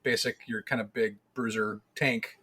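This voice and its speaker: Male podcast co-host, 40s, rambling and easygoing, quick to laugh. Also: on the low side, flat delivery, sharp tone, husky. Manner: rambling, laughs easily, swears casually. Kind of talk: casual podcast chat.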